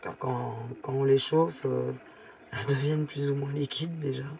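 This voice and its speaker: A woman's voice: a bass voice, steady tone, normal speed, vocal fry, warm tone. A woman giving a chatty, casual step-by-step craft demonstration, explaining as she works. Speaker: craft tutorial host.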